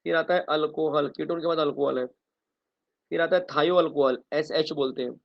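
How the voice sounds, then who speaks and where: A man's voice: fairly high pitch, fairly even intonation, fairly quick, creaky, muffled recording. A man teaching a chemistry revision lecture online. He calls the students "kids", asks questions and answers them himself, and writes on a board as he explains a story mnemonic. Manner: writes on a board while talking.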